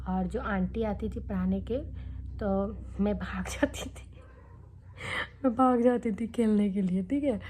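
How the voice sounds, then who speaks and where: A woman's voice: mid-range voice, warm tone, a little hiss or hum. A young adult woman vlogging casually to the camera, chatty and candid, often checking in with her viewers as she talks. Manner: chatty, candid, tags lines with "theek hai" and "hai na".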